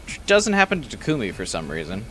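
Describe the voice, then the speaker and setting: A man's voice: lowish voice, huge pitch swings, quick pace, pushed and bright, soft background music. A man doing casual, irreverent game commentary and reading story text aloud, with some background noise. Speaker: gameplay streamer.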